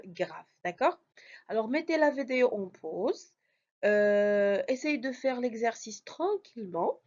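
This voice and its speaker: A woman's voice: a little high, dull audio. A woman teaching a spelling lesson, patient and methodical, explaining step by step. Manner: slow, patient, explains step by step with frequent "alors" and "d'accord". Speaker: French teacher.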